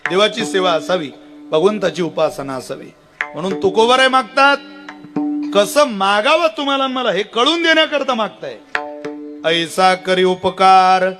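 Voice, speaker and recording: Animated kirtan preacher, man. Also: sits high. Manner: animated storyteller, acting out characters with sudden loud outbursts. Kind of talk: devotional sermon with storytelling.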